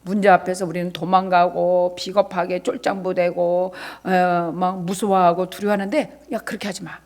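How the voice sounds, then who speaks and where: A middle-aged woman, a senior pastor, gives a sermon that shifts between soft asides to the congregation and loud, shouted exhortation, acting out God's words as direct speech. Her voice is fairly low, flat and moderately paced.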